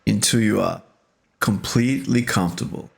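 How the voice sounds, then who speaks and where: A man guides a meditation as its teacher, his voice on the low side with vocal fry. He speaks gently and unhurriedly, in short phrases separated by pauses.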